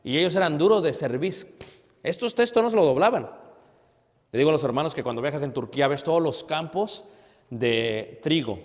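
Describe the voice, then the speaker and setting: A man preaching a sermon. He puts emphatic rhetorical questions to the congregation and sometimes drops to a hush. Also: fairly high pitch, lively intonation, normal speed. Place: church hall. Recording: echoey church hall.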